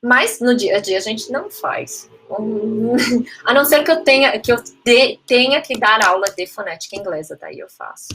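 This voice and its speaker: A woman's voice: a little high, animated, normal speed, fairly bright tone, a little hiss or hum. Chatty Brazilian woman teaching phonetics. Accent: Brazilian Portuguese. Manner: chatty, frequent "né?" tags, mixes in English terms. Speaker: English and Spanish teacher, phonetics lecturer. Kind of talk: live online talk answering chat questions.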